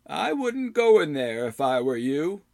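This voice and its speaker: A man voicing a gaunt old male hermit who chides slowly in a high, quavering voice. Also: sing-song, creaky, darkish tone, no echo, full character voice. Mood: chiding. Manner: slow, drawn-out, high quavering delivery. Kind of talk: audiobook character voice.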